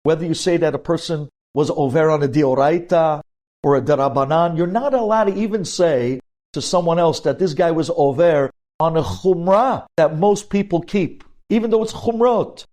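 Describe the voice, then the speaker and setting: Speaking as a rabbi, a man delivers an emphatic, direct religious lecture in a sermon-like style, telling stories, acting out dialogue, posing rhetorical questions and using Hebrew religious terms. His voice sits on the high side with a darkish tone at normal speed.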